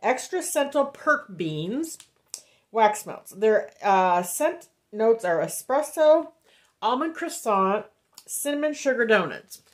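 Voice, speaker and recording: Fairly high and sing-song, a woman's voice takes its time in a casual haul vlog. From Indiana, she reviews wax melts in a home room, sounds nasal from a head cold, and rambles chattily with many ums, reading cards aloud.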